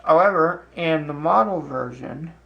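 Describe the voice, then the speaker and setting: Slow, halting man with a creaky voice. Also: fairly high pitch, muffled recording. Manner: halting, deliberate, broken phrasing. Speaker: host demonstrating a hobby. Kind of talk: casual hands-on demonstration. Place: home basement, indoors. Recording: clear background noise, room ambience.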